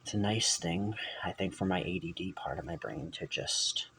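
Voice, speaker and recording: A man with a deep, gravelly voice rambles through a personal vlog. He keeps stopping to correct himself and drifts off topic. The camera mic picks up a faint hiss of room noise behind him. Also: normal speed, pushed and bright, rough recording. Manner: rambling, self-correcting, digressive. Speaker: vlogger.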